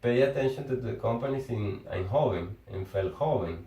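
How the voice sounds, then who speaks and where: Speaking Spanish-accented English from Venezuela, a male engineer makes casual conversation, pausing and restarting words while searching for how to say things. His voice is mid-range and mellow, recorded at a distance in an echoing room.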